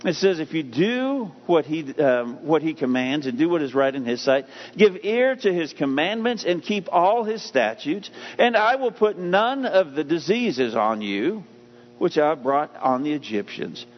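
A man preaching a sermon, animated and expressive, acting out the voices of the people he talks about. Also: on the high side, measured pace. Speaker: pastor. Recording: dull lo-fi sound with long reverb and faint noise.

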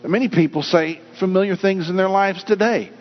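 A man's voice: sits high, moderate pace. A man preaching a sermon, reading scripture and acting out people's doubts as he goes. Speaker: pastor. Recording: echoey hall, dull lo-fi sound with mains hum.

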